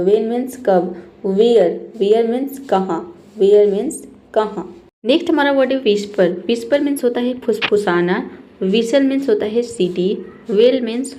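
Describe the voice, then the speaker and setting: A woman's voice: medium pitch, warm tone. A woman teaching an English spelling lesson, explaining patiently and repeating each word, often checking in with her students.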